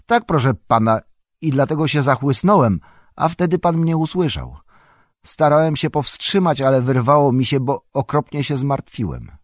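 A man voices a frightened young hobbit gardener, raising his pitch above his natural voice to plead eagerly and anxiously. His delivery is medium-pitched, sing-song and moderately paced. The studio-quality recording is dry.

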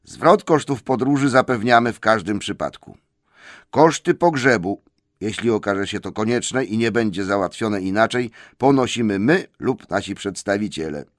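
A man's voice: on the low side, lively intonation, normal speed, dry recording, studio quality, voice pushed up, lightly acted. A man reading as pompous dwarf letter-writers. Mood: formal. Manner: stiff, formal, businesslike.

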